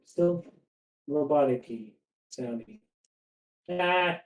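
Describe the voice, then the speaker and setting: Drawing out their words at a medium pitch, this streamer keeps up a chatty, laugh-filled conversation with a friend mid-game. They fret about technical glitches, and a robotic distortion runs through the voice chat.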